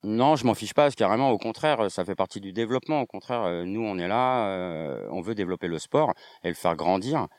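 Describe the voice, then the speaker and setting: Fast-talking man with a dry, close sound. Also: on the low side, lively intonation, no room sound. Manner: rambling, many fillers and restarts. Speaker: slackline trainer and organizer. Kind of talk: interview answers.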